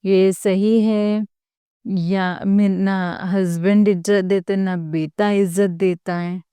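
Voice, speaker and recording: A middle-aged woman giving a devotional talk to followers. She speaks slowly and earnestly, with frequent pauses and fillers, and keeps addressing her listeners. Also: medium pitch, fairly even intonation, mellow, clean tone, dry recording, clean studio sound. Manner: slow, halting, with many pauses and fillers. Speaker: devotee sharing experiences with followers.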